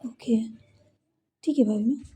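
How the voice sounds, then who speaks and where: Lady reading as a cheeky young woman, innocent and teasing, husky and dark. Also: fairly high pitch, a little slow. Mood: soft. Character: playful young businesswoman, childlike with family.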